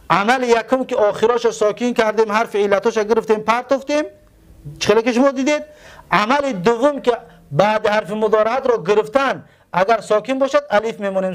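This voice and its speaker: Tajik-accented male teacher, fairly high voice, walks through each step, quizzes himself aloud. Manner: explains step by step, asks and answers his own questions. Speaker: Arabic grammar teacher. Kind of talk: classroom lesson at a board.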